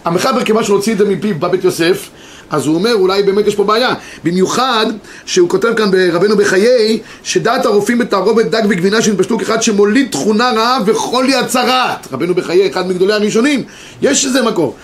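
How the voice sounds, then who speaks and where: High-voiced rabbi teaching a class. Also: male voice, a little hiss or hum. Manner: explains, reads sources aloud, checks in with students. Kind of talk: Torah class lecture. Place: classroom with students.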